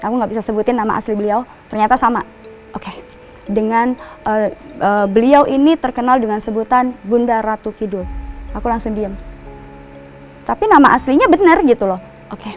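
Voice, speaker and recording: A woman's voice: on the high side, normal speed, long pauses, darkish tone, faint music behind. A woman from Java telling a personal story as a guest, rambling with restarts and asides. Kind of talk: casual storytelling.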